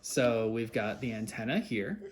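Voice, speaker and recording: A man with a lowish voice speaks at a measured pace, casually walking a child through a hands-on task and patiently prompting with questions. He's a parent presenting a homemade take-apart video for kids. Background noise and handling clicks are clearly audible.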